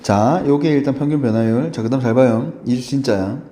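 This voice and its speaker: A male math teacher giving a lively lecture, chatty and often checking in with his students. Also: mid-range voice, brisk. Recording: roomy echo.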